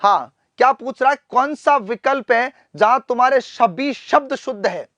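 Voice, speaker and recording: A male teacher runs a live online class, quizzing students, repeating each answer and calling them "beta". He clears his throat often. The sound is close and dry. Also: very high voice, expressive, normal speed, a bit bright, dry recording. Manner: addresses students fondly as "beta". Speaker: Hindi teacher.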